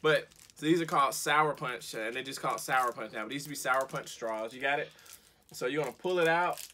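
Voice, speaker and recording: A man's voice: mid-range voice, a little fast, sharp tone. A man in his thirties, a father hosting in casual chat with a child, coaxing and explaining as he repeats instructions. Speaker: father hosting a candy challenge.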